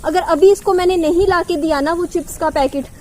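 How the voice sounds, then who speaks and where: A young mother gently coaxes and soothes her crying child, repeating short phrases, in a casual home vlog. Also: very high voice, steady tone, fairly quick, slight background noise. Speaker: mother and vlogger.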